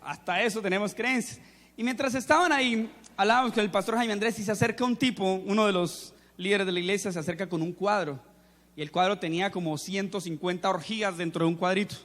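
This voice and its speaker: A male preacher giving a sermon to young people, telling anecdotes in a lively way and asking the audience questions. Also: sits high, quick pace. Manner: storytelling, animated, quizzes the audience. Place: church or seminar hall. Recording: echoey hall.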